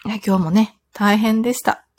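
A woman in her thirties hosting a solo talk show, chatting in a calm, relaxed way and telling everyday stories. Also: medium pitch, normal speed, no room sound, clean studio sound. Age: 30s. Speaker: podcast host.

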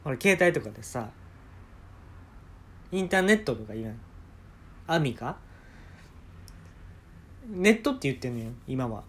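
A man's voice: medium pitch, very animated, a little slow, long pauses, fairly bright tone. Kansai man telling a casual story. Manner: conversational, acts out quoted dialogue. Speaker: solo podcast host. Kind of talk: casual comedic storytelling monologue.

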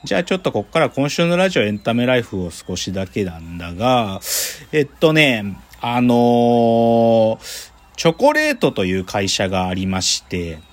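Rambling, lively male radio host. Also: fairly low pitch, fairly quick. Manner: rambling, lively, colloquial with many fillers. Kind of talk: casual radio chat.

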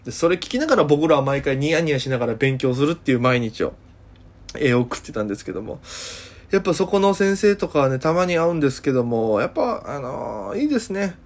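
A man's voice: on the high side, sing-song, quick pace. A man from Okinawa hosting a solo talk show, telling a casual story in a rambling way, full of fillers and self-corrections. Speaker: podcast host.

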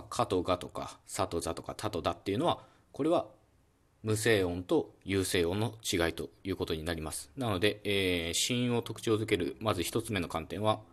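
A man hosting a solo educational podcast, calmly explaining phonetics with many fillers and demonstrating speech sounds aloud. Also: on the low side. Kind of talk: calm solo educational talk.

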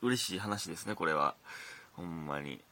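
A young Kansai-accented comedian hosts his own talk show, rambling through stories in a chatty monologue that keeps restarting. His voice is deep, expressive, pushed, and bright, at a moderate pace.

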